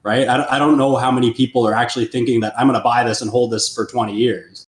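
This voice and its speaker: Fast-talking man in a roomy room. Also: medium pitch, fairly even intonation. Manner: loose, filler-heavy talk. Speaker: podcast co-host. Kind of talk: casual chat. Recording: roomy echo.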